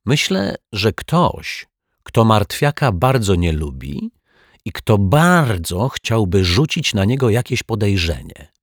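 A calm, thoughtful detective with a good-humoured, measured way of reasoning, as a male storybook narrator puts him on. His voice stays low and husky, recorded dry and close. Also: dry recording, heavily acted.

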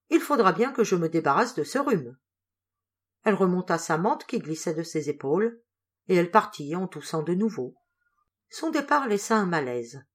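A woman reading a novel aloud as an audiobook, calm and measured with light expression. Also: on the low side. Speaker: audiobook reader. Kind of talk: literary audiobook narration.

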